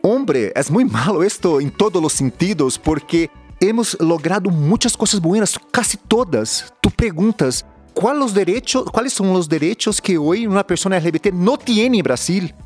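With faint music behind him, an activist guest from Brazil whose first language is Portuguese answers interview questions in another language. Passionate yet often stopping to find words, he speaks at normal speed in a high, animated, slightly mellow voice.

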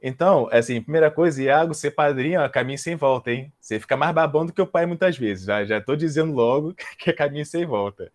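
A man's voice: fairly high pitch, fast talker, few pauses. A man in his late twenties, a guest on a casual podcast interview, who talks in a chatty, self-mocking way. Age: 20s. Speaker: podcast guest, young father.

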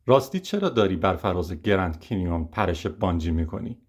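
A man's voice: low-pitched, animated, husky, pitched below the performer's own voice. A man voicing a blunt, pushy male producer in an audiobook reading. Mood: bossy.

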